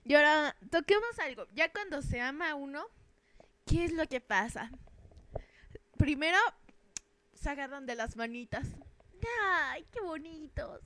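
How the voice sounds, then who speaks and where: A woman's voice: high voice, animated, moderate pace, pauses often, a bit bright. A young woman, joking and rambling in a self-mocking, crude way while commenting on a game. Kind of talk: casual gameplay commentary.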